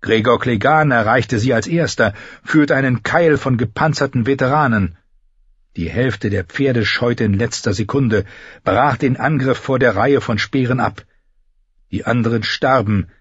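A man with a husky, slightly breathy voice narrates a fantasy audiobook with measured, dramatic pacing. The recording is dry and a bit dull and lo-fi. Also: medium pitch, dry recording.

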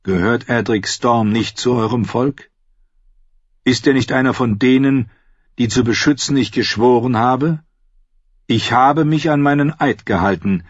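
A man voicing a loyal, plain-spoken middle-aged knight in an audiobook, earnest and steady. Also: mid-range voice, unhurried, no room sound, highs cut off, voice pushed up, lightly acted.

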